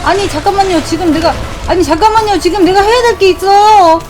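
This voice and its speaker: A young woman streaming a video game in casual commentary, swearing freely and yelling at the game. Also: extremely high pitch, fairly quick. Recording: game music underneath. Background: game music.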